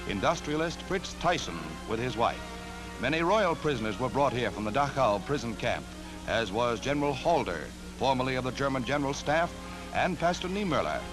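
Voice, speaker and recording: This is a 1940s newsreel from an archival soundtrack, with an American man of medium pitch declaiming the scripted narration dramatically. Loud orchestral newsreel music backs him, and the audio is poor.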